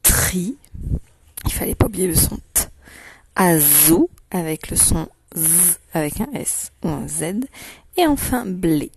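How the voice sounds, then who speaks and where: A woman teacher giving a slow dictation lesson to young children, saying each syllable clearly and repeating it. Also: lowish voice, animated, noisy background. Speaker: primary school teacher.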